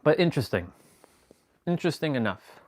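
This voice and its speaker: A man's voice: on the high side, sing-song, brisk. A man hosting a live stream, talking in a rambling, self-assured spiritual monologue and restarting sentences as he goes.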